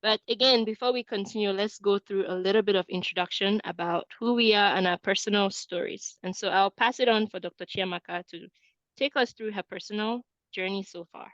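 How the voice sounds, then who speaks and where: Presenting a webinar, a woman in her thirties from Cameroon works as an admissions coach and keeps adding "right?" to what she says. She talks a little fast in a medium-pitched, fairly bright voice, and the recording sounds muffled but has no echo.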